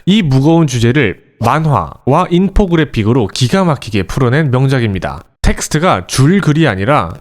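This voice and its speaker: A man hosting an education channel, giving a scripted, animated explainer aimed directly at parents. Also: medium pitch, normal speed, hardly any pauses. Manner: lively, animated delivery addressing parents directly.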